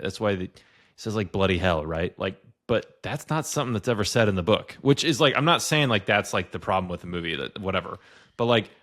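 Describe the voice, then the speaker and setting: A man with a very low, deep voice co-hosts a podcast in loose, casual chat. He rambles and leans on filler words, talking into a podcast mic. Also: a bit bright. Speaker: podcast co-host.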